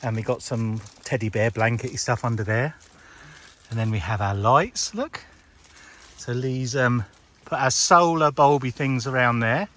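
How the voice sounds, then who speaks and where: A man's voice: mid-range voice, measured pace, fairly bright tone. A British man chatting casually and jokily through a camping vlog, showing off a tent. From United Kingdom. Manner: jokey, chatty, laughs often. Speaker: vlogger giving a tent tour. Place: inside a large tent at a campsite.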